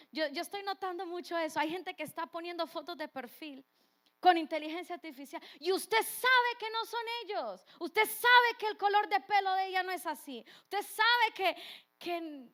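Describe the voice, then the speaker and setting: A woman's voice: extremely high pitch, fairly bright tone. A woman preaching a sermon in an earnest way, putting direct questions to her listeners.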